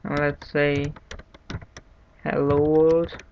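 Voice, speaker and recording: Male tutorial host, monotone and unhurried, slightly higher voice, dull lo-fi mic with faint hiss. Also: vocal fry. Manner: monotone, unhurried, thinking aloud with restarts. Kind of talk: screen-recorded coding tutorial. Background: keyboard typing and clicks.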